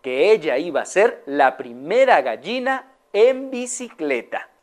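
A woman telling a children's story aloud, drawing her listeners in with questions. Her voice rises and falls in wide, lively sweeps, with slow, dramatic pauses. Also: fairly low pitch. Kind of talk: children's story reading to an audience.

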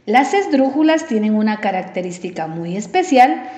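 A woman teacher giving a recorded lesson, speaking slowly and deliberately and stretching out her example words. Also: medium pitch, big pitch swings, a little mellow. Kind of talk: recorded distance-learning lesson. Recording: roomy, slightly dull sound.

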